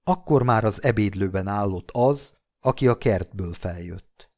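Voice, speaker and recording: Male audiobook narrator from Hungary, low voice, measured literary reading. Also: mellow. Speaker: audiobook reader.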